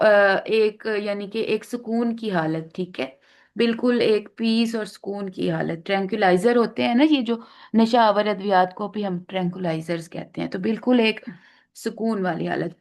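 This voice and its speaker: A woman teaching exam vocabulary, explaining patiently with frequent fillers and restarts, mixing English terms into her speech. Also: mid-range voice. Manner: explains patiently, repeats words, many fillers; mixes English terms into Urdu-Hindi speech.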